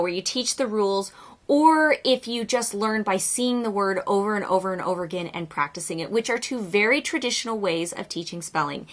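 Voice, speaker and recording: Woman, middle-aged, bright tone, upbeat, emphatic, casual vlog host talk. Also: a little high. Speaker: homeschool video host.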